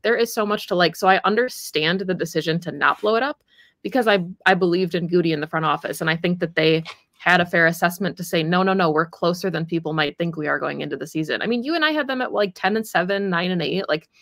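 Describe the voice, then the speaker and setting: A woman's voice: on the low side, fast, fairly bright tone, no echo, clean studio sound. A young woman co-hosting a sports podcast, talking casually with lots of "like" fillers. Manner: conversational, frequent "like" fillers. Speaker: podcast co-host.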